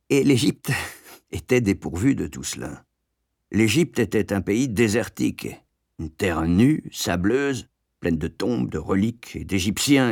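A man narrating a memoir as a scripted audiobook, with a calm storytelling delivery. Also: lowish voice, no echo, studio quality.

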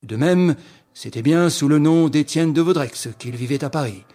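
A man's voice: on the high side, normal speed, warm tone, close to an everyday voice. Man doing a pompous old magistrate. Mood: self-satisfied. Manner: pompous, emphatic, self-assured. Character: pompous older male examining magistrate, self-satisfied.

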